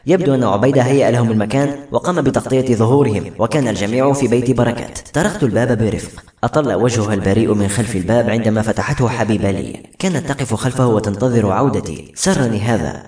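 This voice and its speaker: A man reading a novel aloud in steady, earnest scripted narration. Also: medium pitch. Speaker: audiobook narrator. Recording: roomy echo.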